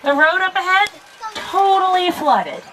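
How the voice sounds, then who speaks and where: A woman tram tour guide giving an upbeat, playful scripted narration to riders, heard through an outdoor tram loudspeaker. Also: very high-pitched, lively intonation, measured pace. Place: open-air studio tour tram. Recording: distant outdoor loudspeaker with crowd and vehicle noise.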